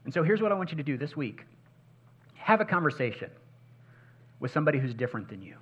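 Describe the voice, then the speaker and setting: A male pastor preaching a sermon, swinging between loud emphatic passages and hushed, intimate ones, and repeating key phrases for emphasis. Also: fairly high pitch, big pitch swings, quick pace, slightly rough, highs cut off.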